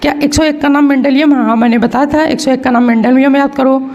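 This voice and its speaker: A woman's voice: high voice, steady tone, fast, darkish tone. A woman teaching chemistry for exam prep, chanting sing-song memory tricks and counting numbers aloud for her students. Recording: echoey room with faint hum.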